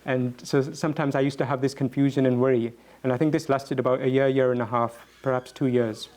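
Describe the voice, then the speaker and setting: Man, mid-pitched, earnest, halting, reflective, repeats words, answering questions. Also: little pitch movement, darkish tone. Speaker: guest speaker answering questions.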